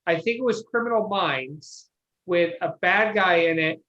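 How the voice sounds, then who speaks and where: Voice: mid-range voice, a little slow, sharp tone, lo-fi sound. A podcast panelist in casual chat, enthusiastic and rambling, swearing freely while retelling something.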